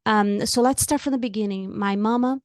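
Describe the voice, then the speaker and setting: A woman's voice: medium pitch, darkish tone, dry recording. Earnest Brazilian-accented woman, dry sound. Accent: Brazilian Portuguese. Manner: earnest, halting, repeats words as she searches. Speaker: guest. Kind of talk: candid interview talk.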